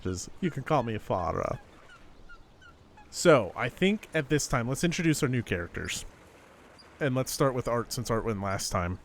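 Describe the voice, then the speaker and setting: Mid-pitched male voice, game master, casual hosting, loose narration, faint room noise. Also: lively intonation, moderate pace.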